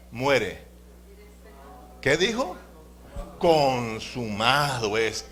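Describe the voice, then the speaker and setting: Emphatic preacher man, bright voice. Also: medium pitch, a little hiss or hum. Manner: emphatic, addresses listeners as brothers, calls them to repeat. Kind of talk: sermon. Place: church.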